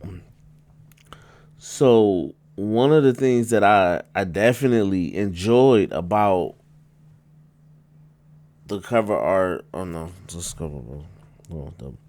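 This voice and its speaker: A man giving a casual spoken album review, rambling with many fillers and restarts, and jumping up in pitch for emphasis. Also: expressive, takes it slowly, pauses often, darkish tone, dry recording.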